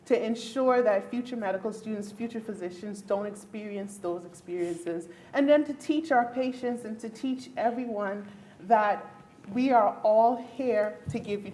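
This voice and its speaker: A Bahamian woman who is a neurologist answers on a luncheon panel in an event hall, speaking earnestly and emphatically and often laughing. Her mid-range voice is dark and moves at normal speed, and the rough recording has slight background noise.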